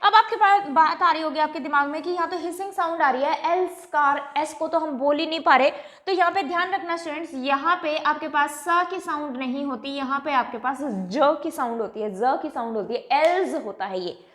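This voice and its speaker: A woman teaches English grammar at the board. She repeats each point, stretches out the example words slowly, and keeps asking the class whether it is clear. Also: high voice, fairly bright tone. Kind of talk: classroom lecture. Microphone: writing on a board.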